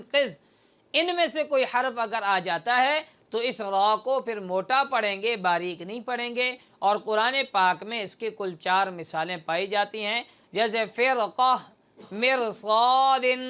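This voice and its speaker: Smooth-voiced methodical recitation teacher. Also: mid-range voice, fairly bright tone. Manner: methodical, numbers each rule and chants slow drawn-out examples. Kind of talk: explanatory lesson on recitation rules.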